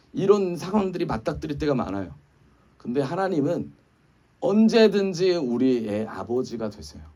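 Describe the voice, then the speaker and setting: A man's voice: mid-range voice, a little mellow, far from the mic. A male pastor in his thirties giving a conversational sermon full of rhetorical questions. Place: church sanctuary.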